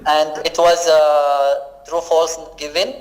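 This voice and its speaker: A man's voice: on the high side, level tone, takes it slowly. A young man from Pakistan, a student, answering interview questions on a phone call, hesitant and full of fillers. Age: young adult. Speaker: student, guest.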